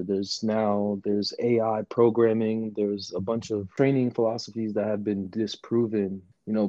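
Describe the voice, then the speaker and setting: A man with a low-pitched voice and a Southern American accent, talking in a relaxed, informal podcast style. His tone is dark and mellow, and he explains things like a coach among friends. The audio is dry and a little dull. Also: no room sound. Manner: informal, storytelling with frequent "you know". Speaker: powerlifting coach and guest. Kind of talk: casual podcast conversation.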